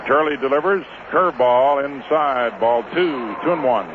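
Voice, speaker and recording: In a muffled, noisy 1950s radio broadcast from an outdoor ballpark, an American man calls baseball play-by-play in clipped short phrases. His voice is mid-range and his pace moderate.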